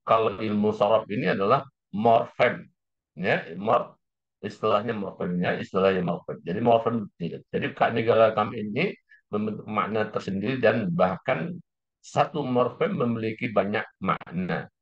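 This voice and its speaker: A man's voice: lowish voice, normal speed. A man teaching a class, explaining step by step and often repeating key phrases. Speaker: lecturer. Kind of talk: classroom lecture. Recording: slightly dull lo-fi recording.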